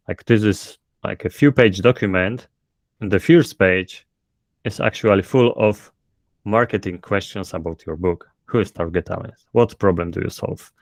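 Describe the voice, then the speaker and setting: This guest author, a man with a heavy Polish accent, talks haltingly and with lots of fillers about how he self-publishes during a relaxed interview. His voice is low-pitched, and the clean studio recording has no room sound.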